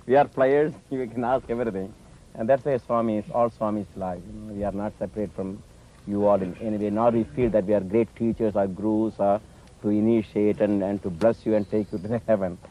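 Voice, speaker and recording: A man's voice: lowish voice, fairly even intonation, fairly quick, lo-fi sound. A man giving a humble, earnest talk as a spiritual teacher. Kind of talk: talk to students.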